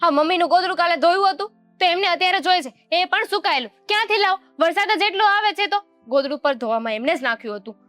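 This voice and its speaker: A woman acting out a put-upon young daughter-in-law in a family drama, answering back with quiet sarcasm. Her voice is high, recorded dry and close, with faint music underneath. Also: rapid-fire, no room sound. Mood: frustrated.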